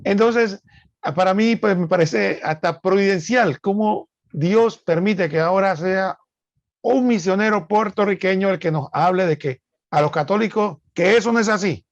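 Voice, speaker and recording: Man in his 50s, co-host; high, gravelly voice, halting fillers, dry close sound. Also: no echo, highs cut off. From Panama. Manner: conversational, hesitant with many "eh" fillers. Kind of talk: casual chat.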